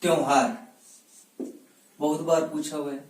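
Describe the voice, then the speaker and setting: A man's voice: a little high, flat delivery, a little slow, a little mellow. A man teaching a Hindi grammar lesson for exam preparation. He asks questions and answers them himself, and he repeats words as a drill. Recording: echoey room, mic at a distance.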